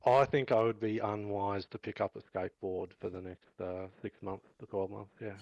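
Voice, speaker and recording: A man in his forties giving a measured, thankful post-race interview as a driver. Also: fairly low pitch, level tone, darkish tone, dry recording, lo-fi sound. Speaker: sim racing driver.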